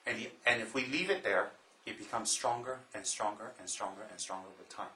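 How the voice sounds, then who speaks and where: Bright-voiced man giving a Dharma talk. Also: lowish voice, echoey room, slight background noise, rough recording. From Taiwan. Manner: slow, emphatic, repeats phrases, joking asides. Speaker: Buddhist monk teacher.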